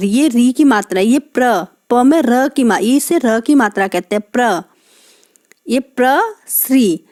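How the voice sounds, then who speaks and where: A woman teaching young children in a recorded lesson, repeating each word slowly and asking them questions as she explains. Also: high-pitched, a little mellow. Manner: slow, drawn-out repetition of words for children. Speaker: primary school Hindi teacher.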